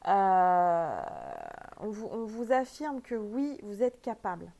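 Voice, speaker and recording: A woman's voice: on the high side, moderate pace, dark tone. A woman with a French accent doing a casual spiritual oracle card reading, chatty and emphatic, with many fillers.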